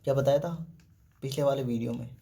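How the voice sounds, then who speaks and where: A man's voice: medium pitch, steady tone, quick pace, gravelly, very noisy. A man teaching a math lesson step by step, asking questions and answering them himself. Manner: explains step by step, asks and answers his own questions; often says "ठीक है" and "देखो".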